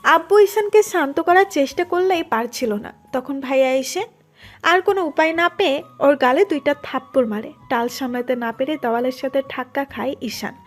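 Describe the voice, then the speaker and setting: A woman narrating a romantic audio story in a steady, dramatic manner. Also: high voice, normal speed, faint music behind.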